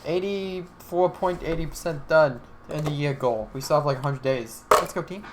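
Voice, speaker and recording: A man's voice: fairly high pitch, moderate pace, slight background noise. A young man from Alabama co-hosting a casual podcast, joking around, swearing freely and rambling. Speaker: podcast co-host. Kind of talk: casual chat.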